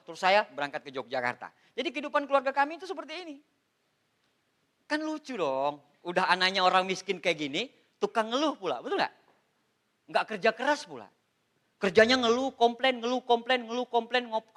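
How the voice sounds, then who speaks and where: A man from Indonesia in his thirties giving an animated, joking motivational seminar talk, addressing the audience as Pak. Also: high voice. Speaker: motivational speaker on MLM.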